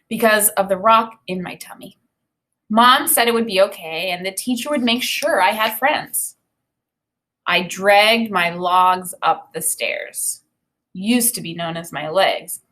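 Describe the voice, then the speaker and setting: Reading a children's novel expressively, a teacher with a mid-range voice pauses to think aloud, offering casual explanations as she goes.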